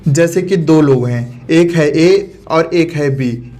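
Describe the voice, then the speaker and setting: A male teacher walks through a grammar lesson, posing questions to his class and answering them himself. His voice sits a little higher than most men's, and his explaining is patient and steady. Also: takes it slowly.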